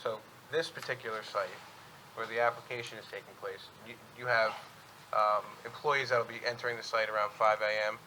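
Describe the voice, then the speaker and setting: A man speaking as an attorney at a public hearing, presenting and questioning in a halting, methodical way. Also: fairly low pitch, level tone, pushed and bright, a little hiss or hum, poor audio. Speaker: attorney for an applicant. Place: public board meeting room.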